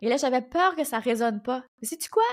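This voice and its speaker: A woman with an Acadian French accent hosting her own podcast, giving casual, energetic business advice at a fast clip. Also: sits high. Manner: fast, animated, energetic talk. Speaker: podcast host and business coach. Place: indoor recording studio.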